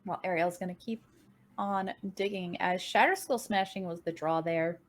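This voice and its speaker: A woman casting a card game match, giving play-by-play commentary with an upbeat manner and quick swings in pitch and tempo. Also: a little hiss or hum. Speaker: game caster.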